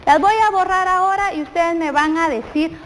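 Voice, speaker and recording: A woman's voice: very high voice, moderate pace, big-room sound, a little hiss or hum, rough recording. A woman with a Guatemalan accent teaching a televised lesson, often asking her young viewers questions.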